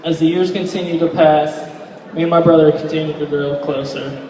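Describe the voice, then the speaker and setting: A young man giving a rambling, sentimental best man speech, informal and hesitant, pausing and repeating himself. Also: a little high, fairly even intonation, dark tone. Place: large reverberant indoor reception room. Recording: echoey hall, distant microphone.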